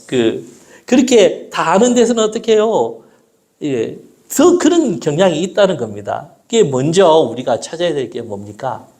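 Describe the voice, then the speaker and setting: A middle-aged pastor preaches in a fairly high voice that swings up and down a lot. He asks questions and answers them himself, and he slows right down to quote scripture. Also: dark tone. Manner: slows down when quoting scripture. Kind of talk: sermon.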